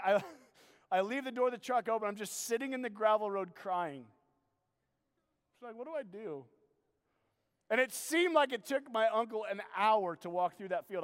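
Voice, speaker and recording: A man preaching a sermon, telling a story with animated energy and then asking quiet, earnest questions. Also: high-pitched, clean tone. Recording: long hall reverb.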